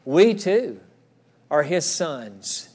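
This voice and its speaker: A middle-aged male pastor preaching a sermon in a church, earnest, repeating phrases and dropping to a soft hush for quoted words. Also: a little high, sing-song, drawn-out words. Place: church sanctuary.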